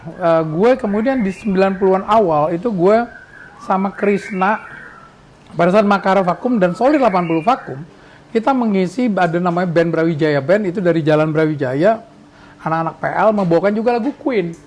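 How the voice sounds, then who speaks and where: This Indonesian podcast host, in his sixties, looks back on the past in a casual chat, talking fairly quickly in a high voice with a darkish tone. His speech meanders and restarts, with a faint hiss in the background.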